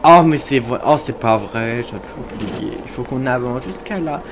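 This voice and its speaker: A man chats through his game, teasing himself and addressing his viewers in a loose, casual way. His voice sits at an ordinary middle pitch, with clear game noise and ambience behind him. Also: lively intonation, normal speed. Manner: chatty, self-mocking, talks to viewers. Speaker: gamer. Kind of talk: casual let's-play commentary. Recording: noticeable background noise.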